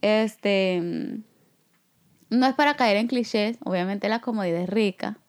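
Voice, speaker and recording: A woman from El Salvador with a Salvadoran Spanish accent, co-hosting a podcast in relaxed, chatty conversation. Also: medium pitch, unhurried, clear, resonant tone. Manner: relaxed, chatty, frequent fillers and laughs. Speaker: podcast co-host. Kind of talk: casual chat.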